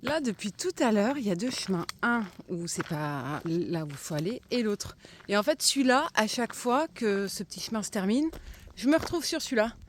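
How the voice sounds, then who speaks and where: Casting: woman with a slight lisp, mid-pitched, chatting casually to camera while hiking, noticeable outdoor background noise. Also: lively intonation, moderate pace. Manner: musing aloud to herself and viewers. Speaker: hiker vlogging her walk. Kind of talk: casual spoken vlog while walking. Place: outdoors on a country trail.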